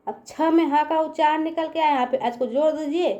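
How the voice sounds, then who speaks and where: A woman's voice: sits high, steady tone, fairly quick, mellow, muffled recording. A woman teaching young children in a patient online lesson, asking them questions and repeating herself often.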